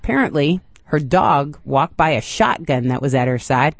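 A woman's voice: sits low, animated, normal speed, dry recording. A woman radio reporter reading news in a chatty way, with casual asides.

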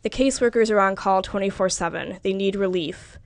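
A woman voicing a brisk, pushy male office supervisor giving instructions. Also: mid-range voice, no echo, close to an everyday voice.

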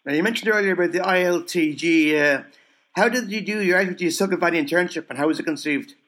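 A man hosting a podcast, asking questions as a brisk, friendly interviewer. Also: high voice, a bit bright. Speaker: podcast host.

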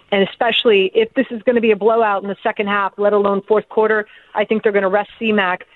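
A woman's voice: mid-range voice, dry recording. A woman betting analyst giving confident picks, speaking conversationally over a phone line. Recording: tinny phone line, dry.

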